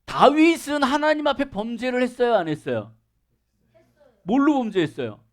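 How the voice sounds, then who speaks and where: A man's voice: very high voice, sing-song, normal speed. A man pastor preaching a sermon at a church worship service, asking the congregation questions and acting out dialogue.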